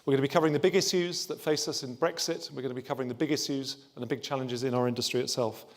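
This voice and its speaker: A man's voice: medium pitch, steady tone, rapid-fire. A man, a trade body's chief executive, giving an upbeat welcome speech to open a conference, with a few restarts. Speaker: trade body chief executive opening a summit.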